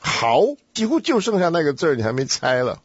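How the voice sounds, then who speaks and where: Playful husky man quizzing on scripture. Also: on the high side, sing-song, brisk, no echo, muffled recording. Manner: teasing, quizzing, laughs often. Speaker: Bible study host. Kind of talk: casual Bible study chat.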